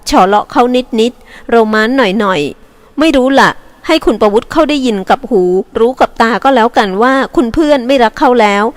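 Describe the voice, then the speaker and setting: A woman's voice: fairly high pitch, lively intonation, close to an everyday voice. A woman reading as a despairing young woman. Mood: sorrowful. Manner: soft, sad, halting pleading.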